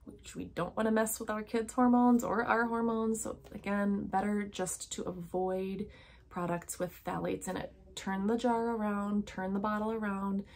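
A woman in her thirties speaks straight to camera from a small home office lined with bookshelves. Her voice sits at an ordinary middle pitch, and her delivery is earnest and instructive. She sounds like an educator advising parents, with frequent ums along the way. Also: a little mellow, a little hiss or hum. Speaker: health educator. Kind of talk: direct-to-camera educational talk.

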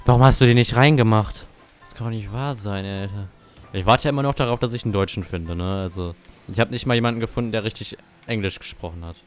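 A man's voice: fairly low pitch, fast talker, faint music behind. A young man giving casual gameplay commentary, cursing and ranting at his teammates. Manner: salty, swears and rants at teammates. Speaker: gamer.

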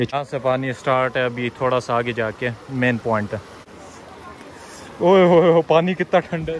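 A young man from Pakistan filming a casual travel vlog on a phone held at arm's length, chatting excitably outdoors on a trail and by a waterfall. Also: medium pitch. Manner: chatty, excitable, often laughing. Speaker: vlogger.

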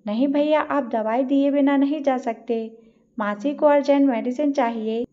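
A woman's voice: high voice, fairly even intonation, normal speed, lightly acted. A woman voicing a determined young woman who speaks earnestly and pleads for help. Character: determined young woman, worried for her family. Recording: dull lo-fi recording.

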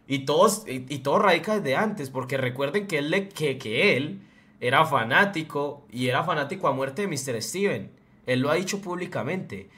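A man's voice: fairly high pitch, expressive, moderate pace, pushed and bright. Young Colombian man ranting blunt and hot. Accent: Colombian Spanish, Antioquia. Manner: blunt, profane, fired-up. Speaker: streamer. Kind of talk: heated livestream rant.

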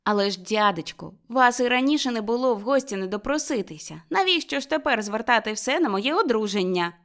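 An eager, cheerful young man, as a woman reader plays him in a storybook, high and bright-toned. His voice leaps up and down with excitement. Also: fairly quick. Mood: pleading.

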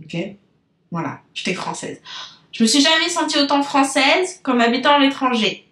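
A woman's voice: high voice, sing-song, normal speed, fairly bright tone. French lady coach chatting off the cuff on her podcast, loses the thread, talks right to you, bit echoey room. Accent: French from France. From France. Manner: talks directly to listeners with frequent fillers. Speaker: business coach and podcast host. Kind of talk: unscripted casual podcast monologue.

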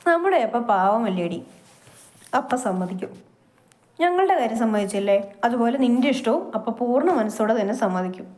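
A caring older sister who asks quick, gentle questions and soothes a crying sibling, as a woman narrator plays her. Her voice sits a little high and sounds mellow. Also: expressive, natural voice. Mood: soothing.

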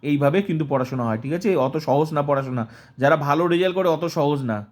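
A man teaching an exam-prep lesson in a high voice, drilling terms by repetition. He fires off questions and answers them himself at a fast clip, repeating each term again and again.

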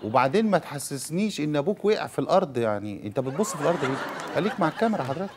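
A man's voice: fairly high pitch, big pitch swings, racing, a little hiss or hum. A man with an Egyptian accent running an audition as casting director, giving directions and teasing the candidate.

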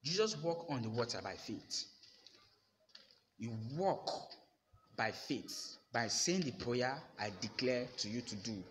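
A young man preaches a sermon straight into a phone held at arm's length, repeating his declarations with deliberate emphasis. He speaks at a slow, measured pace. The bare room adds a long, ringing reverb over a faint background hum. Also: mid-range voice, lively intonation, a bit bright. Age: young adult. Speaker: pastor. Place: bare indoor room with plain walls.

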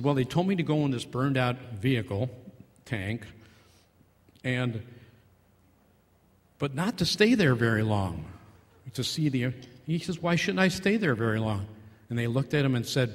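A man's voice: mid-range voice, sing-song, normal speed. Older man lecturing in a reverberant hall. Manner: conversational, acts out patient dialogues, many restarts. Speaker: physician speaking at a convention. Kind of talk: conference talk with slides. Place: large convention hall, at a podium. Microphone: podium microphone.

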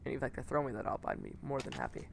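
A man talking in casual team voice chat during a shooter match, trading jokes and excited game callouts. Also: medium pitch, racing, vocal fry. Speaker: gamer and channel host. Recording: heavy noise and gunfire under the voice.

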